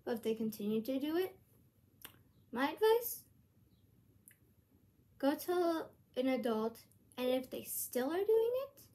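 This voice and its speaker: A woman's voice: high-pitched, big pitch swings, measured pace, pauses often, dark tone. A woman vlogging to her channel in a rambling, earnest way, full of hesitant restarts. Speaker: YouTuber. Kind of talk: casual vlog monologue.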